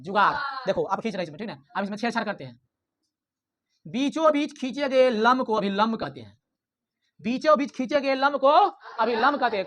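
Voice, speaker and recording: Guy teaching physics to a class, loud and drilling, keeps asking stuff then answering it himself. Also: high-pitched. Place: classroom with students.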